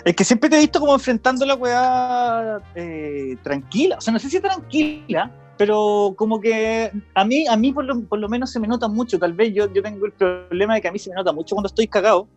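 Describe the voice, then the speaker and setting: A man's voice: high-pitched, lively intonation, a little fast, hardly any pauses, faint music behind. A young man with a Chilean accent hosting a casual podcast chat, rambling and correcting himself as he goes, swearing freely. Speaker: podcast host. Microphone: video call.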